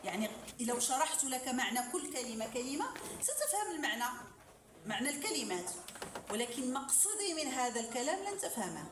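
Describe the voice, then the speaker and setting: A woman's voice: sits high, big pitch swings, brisk. A woman lecturer teaching a class, explaining with examples and asking rhetorical questions. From Morocco. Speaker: lecturer in hadith sciences. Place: lecture hall. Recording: roomy hall, voice from far off, faint noise.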